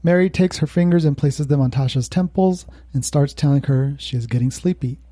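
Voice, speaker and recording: A man's voice: on the high side, fairly quick, mellow, dry recording. A male podcast co-host telling a spooky story in casual chat, laughing now and then. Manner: laughs while telling a creepy tale.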